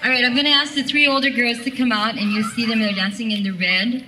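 A middle-aged woman emcees a hula show on an outdoor stage, chatty and coaxing, directing children and explaining the dances, with some singing. Her fairly high, steady voice moves at a quick pace over background noise. She uses a stand mic on stage, while the camera is out in the audience.

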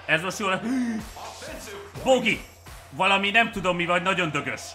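Hungarian male streamer, slightly high, very bright voice, loud excited game commentary that drops to mutters, music under. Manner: shouts and cheers at plays, then mutters quietly. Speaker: streamer playing with viewers.

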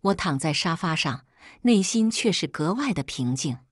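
A woman's voice: low-pitched, lively intonation, moderate pace, no room sound, clean studio sound. A woman reading a family drama aloud as a scripted first-person narration, telling it expressively. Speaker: storyteller.

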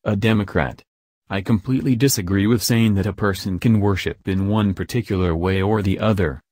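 A man reads a news story in a low, close, dry voice. He keeps it even and measured, reading the quotes without acting them. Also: no echo. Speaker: news reader. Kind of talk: read-aloud news article.

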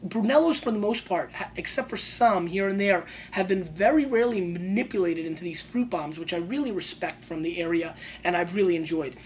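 A woman's voice: on the low side, a little fast, hardly any pauses, slight background noise. A woman hosting a wine show, giving sommelier-style tasting notes in a colloquial, emphatic way and repeating phrases for emphasis.

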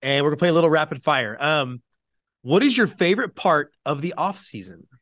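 A man's voice: on the high side, expressive, fairly quick, fairly bright tone, no echo. A man hosting a baseball podcast, joking and playing down his own bits while he interviews a guest. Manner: jokey, self-deprecating. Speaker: podcast host. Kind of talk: casual interview chat.

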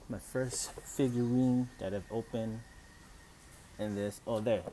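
A father of three hosts a casual unboxing vlog at home, filmed on a phone camera in a room with a Christmas tree. He thinks aloud as he goes, sounding chatty and unsure. His voice is low and dark, with a bit of hiss or hum in the recording.

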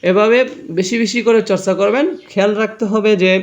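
A man's voice: sits high, steady tone, a little fast. A man teaching beginner Quran reading, chanting letter-and-vowel spelling drills and asking and answering his own questions. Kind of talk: recited spelling drill lesson.

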